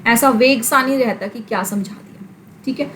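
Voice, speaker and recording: High-voiced woman teaching a class. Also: fairly bright tone, slight background noise, poor audio. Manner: explains slowly with everyday examples, mixing English terms into Hindi. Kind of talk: classroom lecture.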